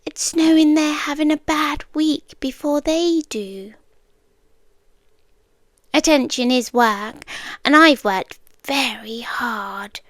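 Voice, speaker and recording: In an intimate ASMR roleplay, a woman with a high voice and British accent plays an eerily calm, possessive yandere girlfriend. She phrases things slowly and deliberately, often sinking into a whisper. The recording is dry, very close on the microphone.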